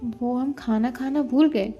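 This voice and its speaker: A woman's voice: on the high side, fairly even intonation, unhurried, mellow, husky, highs cut off, soft background music. A woman voicing a playful, teasing young woman who makes jokey excuses and stammers when caught, in an audio love story. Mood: sheepish.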